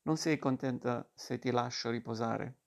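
A man reading as a gruff, gravelly bearded painter. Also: medium pitch, steady tone, moderate pace, highs cut off, lightly acted. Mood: dry teasing.

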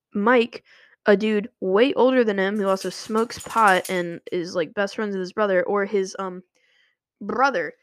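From a home room with running water nearby, a young vlogger chats to her viewers in casual commentary, rambling and leaning on filler words. She has a mid-range voice, and the clean studio sound carries no echo.

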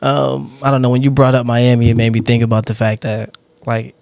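A man's voice: mid-range voice, flat delivery, fairly quick, vocal fry, a little mellow, no echo. A young man co-hosting a podcast, curious and full of questions, laughing often in casual chat. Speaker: podcast co-host.

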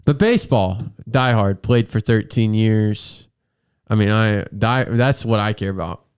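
A man's voice: lowish voice, a little slow, clear, resonant tone, no room sound, clean studio sound. An American man hosting a casual, joking talk podcast with a froggy, congested voice from a sinus infection, speaking in an emphatic, self-deprecating way. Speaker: podcast host.

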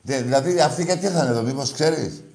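A male radio sports host needling a caller in call-in banter, teasing and quick to get heated. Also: medium pitch, darkish tone.

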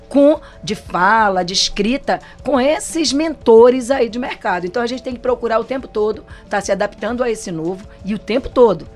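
Chatty Brazilian woman giving tips. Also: mid-range voice. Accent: Brazilian Portuguese. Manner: chatty, frequent tag questions. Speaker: business trainer and speaker. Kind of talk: casual motivational talk. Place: studio set for a program.

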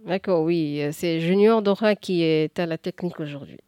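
A woman's voice: lowish voice, normal speed, warm tone, no room sound, studio quality. A woman hosting a radio call-in show, taking calls and asking short follow-up questions.

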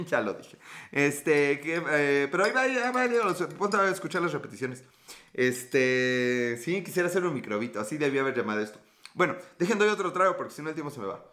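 A man's voice: fairly high pitch, expressive, brisk, bright, forceful tone. A man with a Mexican accent hosting a livestream podcast, chatting casually and reading viewer comments with profane, teasing, flirty banter. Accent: Mexican Spanish.

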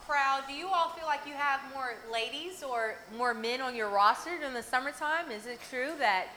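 A woman's voice: high voice, moderate pace, bright, forceful tone, a little hiss or hum, poor audio. A woman with an American accent hosting a casual talk show, teasing her guests and putting questions to them playfully. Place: live show with an audience.

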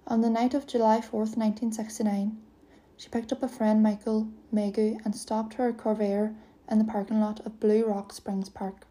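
Dark, flat-voiced woman narrating. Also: on the high side, moderate pace. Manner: steady, even reading. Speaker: podcast host. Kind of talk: scripted true-crime narration.

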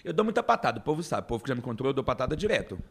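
Fast-talking Brazilian man telling stories. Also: mid-range voice, slightly rough. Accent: Brazilian Portuguese. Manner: animated storyteller, acts out quoted people. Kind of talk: casual chat.

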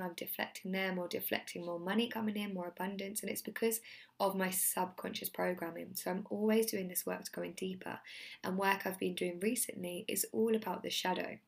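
A woman hosting a solo self-help podcast in a casual, effusive and earnest way, her voice hoarse and giving out as if she has nearly lost it. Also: fairly low pitch. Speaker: podcast host and mindset coach.

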